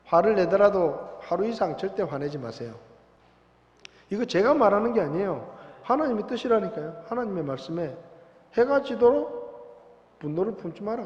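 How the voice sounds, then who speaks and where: Male pastor, high and lively, preaching with emphasis, roomy muffled church sound. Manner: emphatic preaching, asks the congregation questions. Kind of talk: sermon. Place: church sanctuary. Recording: echoey dull church recording.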